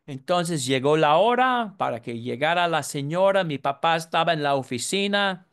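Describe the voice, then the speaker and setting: A man's voice: a little high, lively intonation, normal speed, fairly bright tone, clean tone. A man in his seventies, from the United States, preaching a sermon and telling a story in an earnest way. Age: 70s.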